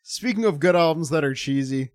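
A man with a fairly high voice, talking casually about metal records as a podcast co-host. He laughs a lot and reads quotes out with gusto. The sound is dry and close, with no room around it. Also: animated, a little fast, dry recording. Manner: laughs often, reads quotes aloud animatedly. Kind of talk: casual music review chat.

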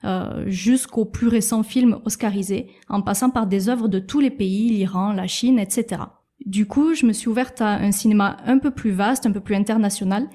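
A woman in her thirties co-hosting a casual podcast, explaining things in a measured way with soft hesitations. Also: medium pitch. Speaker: podcast co-host.

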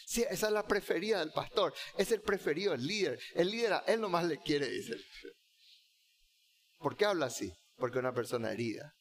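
High-voiced fervent preaching pastor. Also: male voice. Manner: fervent preaching, repeats key phrases, has the congregation repeat lines. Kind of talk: sermon.

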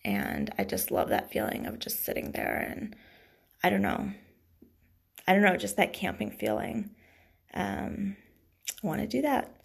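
A young woman chats on her own podcast in a loose, rambling way, filling pauses with fillers as she thinks aloud. Her voice is heavily gravelly and breathy, and her pitch swings widely from low to high. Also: huge pitch swings. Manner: rambling and hesitant, many fillers. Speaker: podcast host. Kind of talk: casual solo podcast chat.

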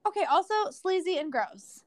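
A woman's voice: very high-pitched, animated, moderate pace, dry recording, studio quality. A young woman co-hosting a podcast, chatting casually and animatedly with lots of fillers. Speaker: podcast co-host.

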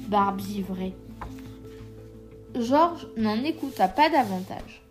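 A woman reading a children's story aloud in a gentle, measured way. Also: on the high side. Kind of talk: scripted narration of a children's story. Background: soft instrumental music.

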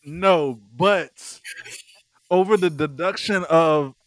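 A man co-hosting a podcast talks in a fairly high voice, chuckling between halting, stretched-out phrases. His recording is dry and close, with no room sound around it. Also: no echo. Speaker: podcast co-host. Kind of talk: casual chat.

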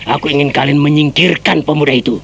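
A man's voice: a little high, fast, fairly bright tone, exaggerated voice. An actor playing a fierce, bullying bandit chief in a radio drama, scolding his men with contempt. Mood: angry scolding. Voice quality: gravelly.

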